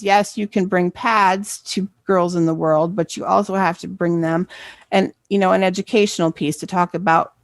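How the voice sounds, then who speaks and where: A middle-aged woman speaks as a program coordinator, sharing a personal story during a presentation. Her voice has a gravelly fry, and the sound is dry and close. She talks conversationally and keeps asking "right?" to draw listeners in. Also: mid-range voice, no room sound. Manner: conversational, asks "right?" for assent.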